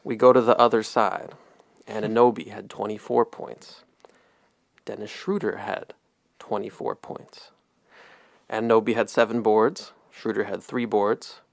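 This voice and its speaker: A man's voice: lowish voice, little pitch movement, unhurried, creaky, dry recording. A man co-hosting a sports podcast, chatting casually, rambling and chuckling at his own stat jokes. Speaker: podcast co-host.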